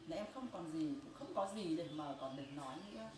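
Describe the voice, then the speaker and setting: A grieving middle-aged woman speaks in a pained, insistent way and keeps circling back to the same points. She is heard from some distance off the mic in an echoey room. Loud background noise runs under her voice. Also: deep voice, animated, fast talker. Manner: pained, insistent, repeats herself. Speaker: grieving mother. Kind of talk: emotional family confrontation.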